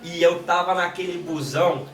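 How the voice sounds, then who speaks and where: A man with a São Paulo accent, a guest in a casual interview, telling stories in a relaxed way with many "né" fillers. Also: high voice, normal speed. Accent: São Paulo Portuguese. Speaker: guest, creative director and videomaker. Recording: echoey room, distant mic, faint noise.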